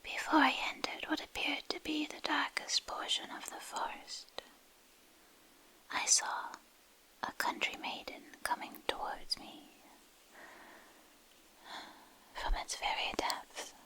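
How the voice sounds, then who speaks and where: A woman reads a literary fantasy story as ASMR in a breathy, intimate whisper, hushed and pausing between short phrases, close to a binaural microphone. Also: sits high, little pitch movement, poor audio. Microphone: close binaural microphone, ear to ear.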